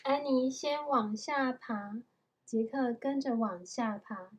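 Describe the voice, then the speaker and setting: A mother reading a storybook aloud to her young child at home, in a gentle, patient manner. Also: on the high side, slow pace, slight background noise.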